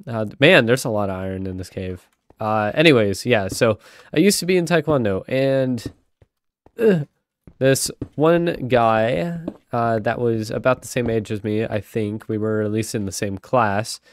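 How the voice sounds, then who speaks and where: A young gaming channel host, his voice stuffy and nasal from a cold, rambles chattily through gameplay commentary with sudden excited outbursts. He's mid-range and a little slow, with a clean tone in a dry, clean studio recording.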